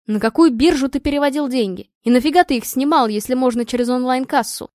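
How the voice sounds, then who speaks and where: A woman reading a calm, dry young man. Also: high-pitched, no echo, lightly acted. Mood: puzzled. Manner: unhurried and dry. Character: calm, sardonic young man, tech-savvy friend.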